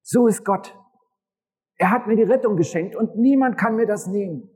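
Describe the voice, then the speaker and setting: A man preaching a casual, animated sermon at a church service, talking to the congregation with a husky voice. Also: moderate pace, rough recording. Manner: lively, animated preaching with dramatic pitch swings. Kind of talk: children's-style sermon with a prop window.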